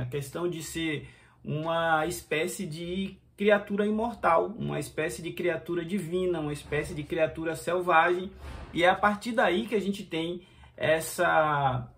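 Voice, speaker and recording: A man's voice: a little high, creaky. A man with a Brazilian Portuguese accent, casually reviewing a comic book and chatting to his viewers with frequent fillers and restarts.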